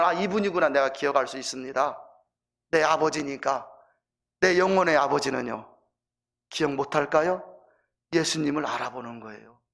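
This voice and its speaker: A man's voice: sits high, fairly bright tone. A male pastor preaching in a church, telling a story animatedly and addressing the congregation directly. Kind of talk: sermon storytelling.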